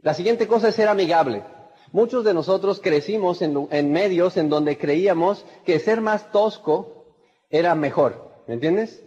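A man from Mexico giving an animated network marketing seminar, acting out little scenes and often checking in with "¿verdad?". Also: high voice, unhurried. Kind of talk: motivational seminar talk. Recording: muffled, husky sound with long hall reverb.

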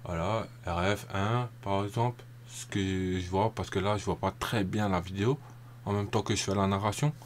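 A man narrating a software tutorial over a screen recording, casual and rambling, often hesitating and repeating himself. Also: sits low, fairly even intonation, moderate pace, slight background noise.

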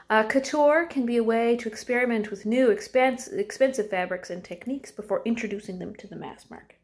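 A woman teacher giving an informal recorded lesson from home. She talks in a loose conversational way, asking her students questions and often pausing on um and uh. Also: a little high, a little mellow.

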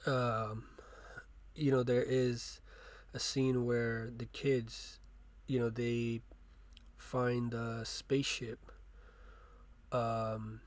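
A man's voice: medium pitch, no room sound. A man giving a casual spoken review, rambling with many fillers and restarts.

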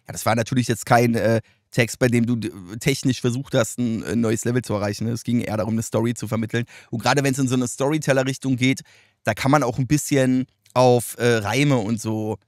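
A man hosting a casual reaction chat, animated and slangy and quick to laugh. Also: mid-range voice, no echo, clean studio sound. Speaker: host.

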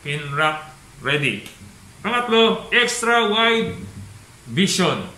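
Masked man, bright echoey voice. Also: high-pitched, sing-song. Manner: halting, many filler pauses. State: through a cloth mask. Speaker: vlogger. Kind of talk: casual helmet review vlog. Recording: echoey room with faint ambience.

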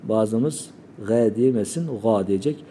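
Male recitation teacher, low voice, very calm and drawn-out delivery. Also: slight background noise. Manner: calm explaining, demonstrating sounds slowly. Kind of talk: recitation pronunciation lesson.

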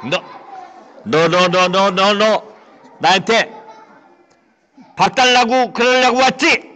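A man's voice: high voice, fairly even intonation, slow, sharp tone, a little hiss or hum, full character voice. A man voicing a greedy, stingy rich man in a live church puppet show, scolding and blustering. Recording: reverberant church hall.

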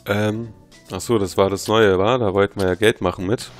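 Excitable man commenting on gameplay. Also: lowish voice, moderate pace, faint music behind. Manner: exasperated, excitable outbursts; reads game text aloud. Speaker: let's player.

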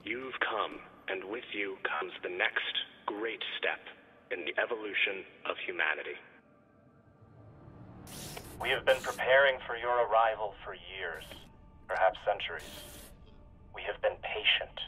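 Booming echoing villain monologue. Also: male voice, a little slow, pauses often, pushed and bright. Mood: grand, solemn. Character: male cult leader giving a grand recorded message. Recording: muffled echoing radio message, noisy.

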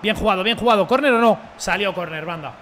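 A young man commentating his own football video game match, chatting in slang with viewers and shouting when goals come. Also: sits high, quick pace, a little hiss or hum. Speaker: gaming streamer. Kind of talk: let's play commentary.

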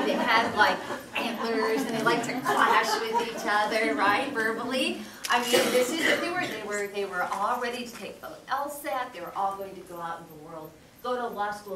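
Woman lecturing in an echoey hall. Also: fairly high pitch. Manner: animated, checks in with the audience by asking "okay?". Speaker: guest speaker. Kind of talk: storytelling lecture. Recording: echoey hall, distant mic, background noise.

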